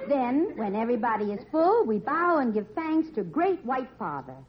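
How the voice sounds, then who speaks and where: An actress playing an island chief's young daughter in a radio comedy sketch, speaking simple, solemn broken English. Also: female voice, a little high, very animated, moderate pace, some chatter behind. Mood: earnest deadpan. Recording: noisy muffled old radio recording.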